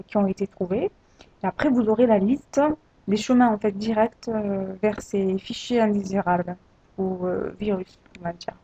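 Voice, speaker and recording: A woman talks through a computer tutorial, pausing often and restarting her phrases. Her voice is gravelly and dark, a little husky. The recording sounds dull and lo-fi, as if from a desktop mic. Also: mid-range voice, no room sound. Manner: hesitant, many fillers and restarts. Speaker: tutorial presenter. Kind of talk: screen-recorded software tutorial.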